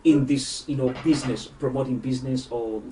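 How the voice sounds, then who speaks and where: A man interviewing a DJ in a casual chat, asking questions and filling gaps with quick agreeing replies. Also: mid-range voice, steady tone, background noise. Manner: chatty, with frequent agreeing interjections. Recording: voice far from the mic.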